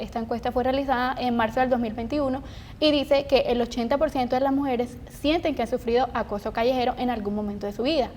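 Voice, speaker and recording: A woman co-hosting a podcast, discussing casually in a wordy, explanatory way. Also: darkish tone. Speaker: podcast co-host. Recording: noisy, low rumble behind voice. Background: rumbling background noise.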